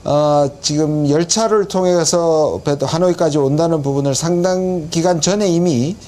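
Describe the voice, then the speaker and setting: A man's voice: fairly high pitch, normal speed, dark tone. A man, a professor giving a conversational on-site report and commentary in an explanatory, lightly self-mocking way. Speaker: professor acting as field correspondent.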